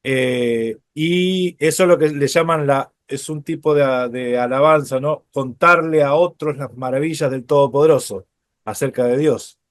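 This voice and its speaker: A man teaching a Bible study lecture, explaining step by step, often checking in with his listeners and pausing on fillers. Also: medium pitch, no room sound, clean studio sound.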